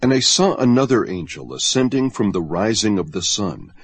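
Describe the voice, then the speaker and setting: Man, husky voice, lowish pitch, solemn scripted scripture reading, measured. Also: animated. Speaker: audiobook reader.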